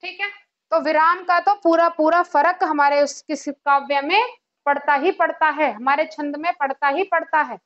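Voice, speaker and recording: A woman's voice: high-pitched, moderate pace, dull audio. A woman Hindi teacher giving an online exam-prep lecture, explaining with rhetorical questions and repeated check-ins to her students. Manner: chants verse examples in a sing-song rhythm.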